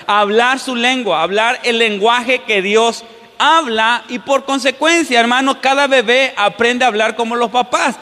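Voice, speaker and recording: A man's voice: extremely high pitch, bright, forceful tone. A man preaching a sermon as pastor in a church, often putting questions to the congregation. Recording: long church-hall reverb.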